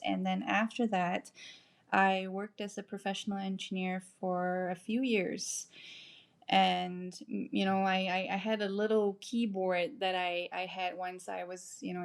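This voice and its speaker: A woman in her forties who grew up in Malaysia chats as a guest composer in a relaxed interview. She talks at an easy, middling pitch, laughs often and restarts her sentences as she goes. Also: gravelly. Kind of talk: casual interview.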